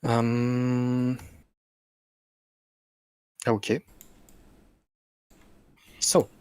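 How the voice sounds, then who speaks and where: A man explaining computer science over a video call that comes through glitchy and warbling. He talks haltingly, with many ums and restarts. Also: medium pitch, completely flat delivery, darkish tone, clear, resonant tone, no echo, low-quality recording. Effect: glitchy, warbling video-call audio. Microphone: computer mic on an online call.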